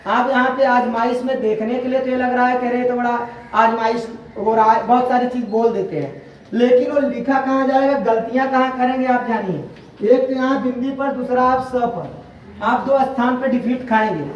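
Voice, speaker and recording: A man teaching a Hindi spelling lesson, drilling each word slowly and calling his students "beta log". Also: very high voice, steady tone. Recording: far-off echoey dull room sound with faint noise.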